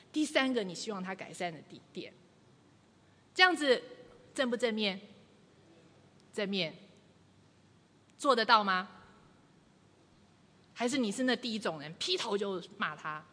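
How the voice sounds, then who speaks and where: A woman giving a lively church teaching, acting out quoted lines with humor. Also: mid-range voice, normal speed, long pauses. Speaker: church speaker. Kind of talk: sermon teaching to a congregation. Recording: long reverb of a large hall.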